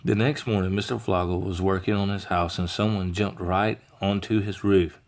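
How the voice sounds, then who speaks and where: A deep-voiced man reads a children's picture book aloud. He now and then stumbles and restarts over words as he goes. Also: fairly even intonation, normal speed. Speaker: reader.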